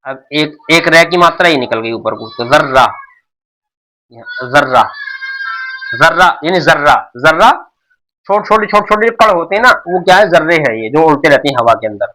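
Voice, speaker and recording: A middle-aged Urdu teacher walks beginners through the alphabet, patient and repetitive, with many restarts. He speaks fast with hardly any pauses and big pitch swings, in a slightly high, bright, forceful voice. The recording is low quality.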